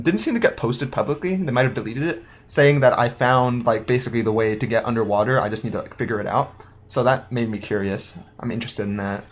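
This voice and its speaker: A young man hosts a let's-play with easy, chatty commentary. His voice sits at an ordinary middle pitch with a slightly husky edge. He reads in-game text aloud and mulls over his next move as he talks. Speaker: gaming YouTuber.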